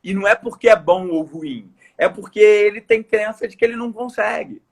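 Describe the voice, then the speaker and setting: Husky high-voiced Brazilian coach. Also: male voice, fairly quick. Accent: Brazilian Portuguese. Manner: earnest, emphatic, repeats phrases for stress. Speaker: coach and course speaker. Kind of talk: casual podcast conversation.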